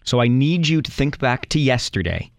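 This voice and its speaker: A man co-hosting a morning radio show, teasing his co-host and running a quiz in an animated way from a studio mic. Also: medium pitch, moderate pace, dry recording.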